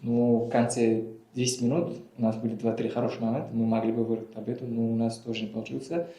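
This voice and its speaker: A man's voice: medium pitch, fairly even intonation, quick pace, mellow. A man speaking as a football player at a post-match press conference, giving short, plain, informal answers. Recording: roomy echo.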